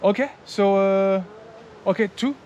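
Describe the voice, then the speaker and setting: This man's voice is high-pitched but darkish in tone, and he takes his time. He's a motovlogger in his thirties casually chatting with locals and the camera in a mountain village and a small roadside restaurant, friendly and talkative, with many fillers and plenty of "guys" aimed at viewers.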